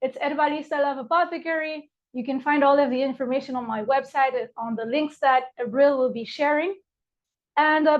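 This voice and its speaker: Over a video call from her apothecary, a Moroccan herbalist with a high voice leads a heartfelt live online workshop, filling her speech with frequent fillers. The audio is dull, lo-fi call quality.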